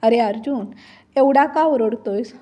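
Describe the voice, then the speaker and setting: Woman reading as a nagging older mother-in-law, taunting, slightly high, husky. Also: measured pace, warm tone. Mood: scolding. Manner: scolding, taunting. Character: sharp-tongued older mother-in-law, always grumbling.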